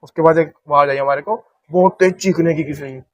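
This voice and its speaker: A man's voice: a little high, fairly quick, dry recording, low-quality recording. A man recounting a frightening ghost experience in casual storytelling, imitating sounds as he talks. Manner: animated retelling with sound imitations. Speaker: podcast guest.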